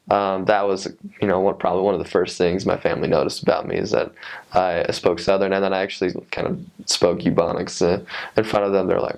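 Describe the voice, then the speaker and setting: Low-pitched, gravelly young man reminiscing. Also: a little mellow. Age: 20s. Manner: halting, reflective, trailing sentences. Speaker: returned missionary recalling his service. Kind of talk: casual personal storytelling.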